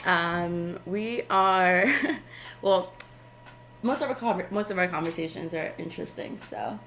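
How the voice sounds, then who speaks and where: A woman's voice: lowish voice, a little slow, a bit bright, faint music behind. A woman from Queens, hosting a casual chat in an informal, somewhat hesitant way. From Queens, New York. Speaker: show host.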